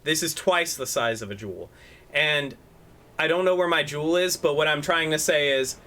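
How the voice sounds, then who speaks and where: This man co-hosts a loose, casual podcast, talking in a bright, somewhat high voice. He rambles, swears freely, and acts out his points as he goes. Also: normal speed. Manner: profane, rambling, demonstrative. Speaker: podcast co-host. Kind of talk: casual chat. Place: room at home. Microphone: desk microphone.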